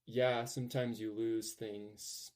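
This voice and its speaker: Young man, mellow podcast host. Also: lowish voice, level tone, takes it slowly. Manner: rambling, upbeat, lots of fillers. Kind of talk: casual podcast chat.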